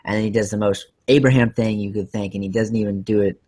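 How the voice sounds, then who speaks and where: A man with a fairly low, husky voice chats on a casual podcast. He rambles, gets excited, and restarts his sentences often. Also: brisk. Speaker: podcast host.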